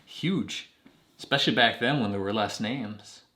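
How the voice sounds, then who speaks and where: A man's voice: lowish voice, measured pace, pushed and bright, a little hiss or hum. A man co-hosting a casual whiskey tasting, explaining distillery history with dry jokes.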